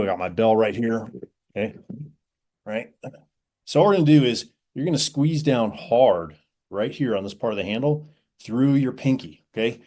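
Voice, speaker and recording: A man with a deep, low-pitched voice explains kettlebell technique in an easygoing instructional style. He talks to the viewer like a friend and keeps checking in with "right?" and "okay?". He is seated indoors as he demonstrates. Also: darkish tone. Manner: conversational, peppers lines with "right?" and "okay?". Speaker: kettlebell coach. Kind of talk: casual instructional video. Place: indoors, seated on an old wooden chair.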